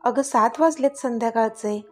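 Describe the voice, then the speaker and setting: A caring young husband frets and speaks in a hurried, anxious way, as a woman narrator puts him on. Quiet music plays softly behind the reading. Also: fairly high pitch, close to an everyday voice. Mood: worried. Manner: worried, hurried.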